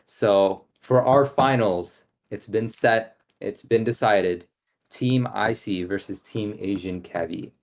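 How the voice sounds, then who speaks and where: A young man casting an amateur esports tournament, giving relaxed analysis with frequent fillers. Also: fairly low pitch, slow. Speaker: esports caster.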